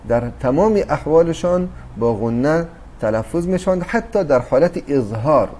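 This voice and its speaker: Mellow-voiced man teaching recitation. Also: on the high side, expressive. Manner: patient explaining with many fillers and restarts; addresses listeners as dear brothers and sisters. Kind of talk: recorded tajweed lesson.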